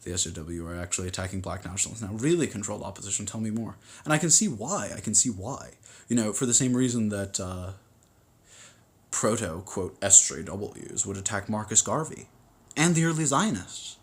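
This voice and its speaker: Man, livestream host, casual chat, rambling, lots of fillers, phone mic, lowish voice. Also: animated, normal speed. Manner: rambling, many fillers and restarts. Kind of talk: casual livestream chat reading viewer comments.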